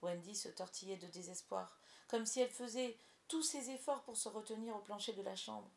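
A woman narrating a children's storybook in a soft, hushed manner, in a roomy recording. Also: medium pitch, moderate pace, gravelly. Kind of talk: storybook reading. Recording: roomy echo.

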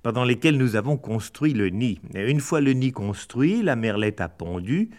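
A middle-aged man reading a children's story aloud in a gentle, lightly wry storytelling voice. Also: medium pitch, very animated, normal speed. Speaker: narrator.

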